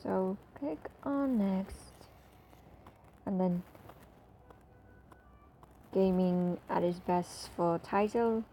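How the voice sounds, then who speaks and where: Slow, mellow-voiced woman explaining an app. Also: medium pitch, a little hiss or hum, low-quality recording. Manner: chatty, filler-heavy, walks through steps. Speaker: tutorial presenter. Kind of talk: casual screen-recording tutorial voice-over.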